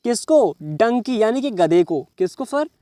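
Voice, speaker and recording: High-voiced man teaching English in Hindi. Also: very animated, warm tone, no echo, studio quality. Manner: reads English words slowly, then explains each in Hindi; keeps checking the listener with "समझ रहे हो". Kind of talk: English reading lesson explained in Hindi.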